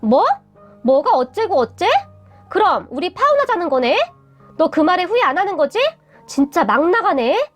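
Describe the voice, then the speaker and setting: A woman's voice: sits high, animated, brisk, soft background music. A woman voicing a blunt, defensive young adult boyfriend who talks curtly and dismissively. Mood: annoyed. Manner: curt, irritable, dismissive.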